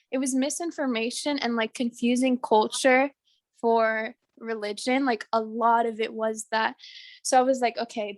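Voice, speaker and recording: A young woman student sharing her personal story on a video call, halting, full of fillers, and emotional. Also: a little high, dry recording. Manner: halting, heavy on fillers, tearful at moments.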